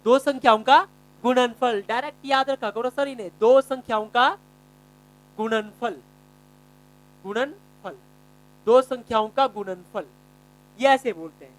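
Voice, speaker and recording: A male math teacher giving a classroom lesson, quizzing students by name and repeating key phrases slowly. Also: extremely high pitch, low-quality recording.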